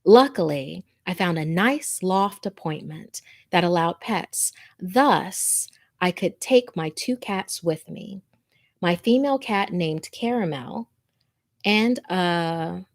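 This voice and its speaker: Lower-voiced and talkative, she hosts a scary story livestream, chatting informally and amused by little things while reading listeners' messages and stories aloud.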